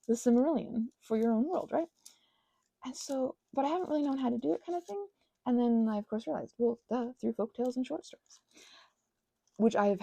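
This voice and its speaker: Crafting as she talks, this young adult craft and ASMR channel host keeps up a scattered, self-interrupting ramble full of gushing, self-mockery, and tangents. She has a slightly high, warm voice with vocal fry, recorded with no room sound.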